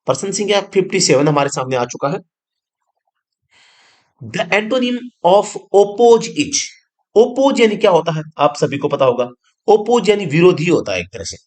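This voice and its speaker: Male teacher, fairly high and very animated pitch, repeats words, quizzes the class. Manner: explains slowly, repeats each word and meaning, asks the class questions. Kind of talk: online exam-prep grammar lesson.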